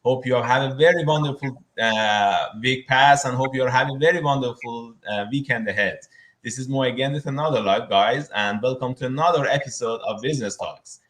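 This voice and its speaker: A man in his thirties hosting a live online interview, speaking haltingly with many fillers. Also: medium pitch, fairly bright tone, poor audio. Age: 30s. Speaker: host.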